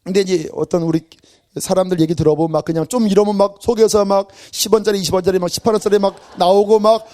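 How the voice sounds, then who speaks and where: High-voiced pastor preaching animatedly. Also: male voice, quick pace. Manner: animated, acts out everyday scenes; self-deprecating humor. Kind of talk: Friday evening sermon. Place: church sanctuary.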